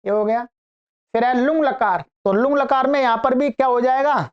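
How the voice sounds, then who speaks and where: A woman teaching Sanskrit grammar, chanting verb forms in slow measured lists and speeding up to explain. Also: sits high, smooth, muffled recording. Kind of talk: recited grammar lesson.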